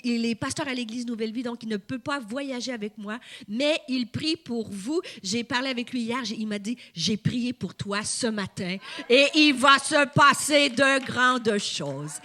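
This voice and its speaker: Bright high-voiced Québécois woman preaching. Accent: Québécois French. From Quebec. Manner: emphatic, calls on the congregation to respond. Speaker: guest preacher. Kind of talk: sermon.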